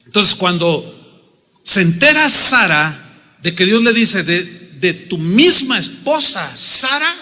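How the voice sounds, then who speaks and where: Pastor guy preaching, lively and jokey, acts out the people, bright voice, big hall echo. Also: sits high, takes it slowly. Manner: animated, acts out biblical figures with humor. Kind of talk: sermon.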